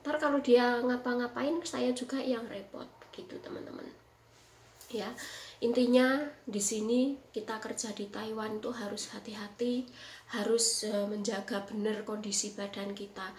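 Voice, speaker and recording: A woman's voice: fairly high pitch, steady tone, moderate pace, darkish tone, slight background noise. An Indonesian woman working as a live-in caregiver in Taiwan, giving emphatic, repetitive advice to fellow workers in a casual vlog. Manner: emphatic, repeats herself, frequent tag "ya, teman-teman". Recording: roomy echo with faint background ambience.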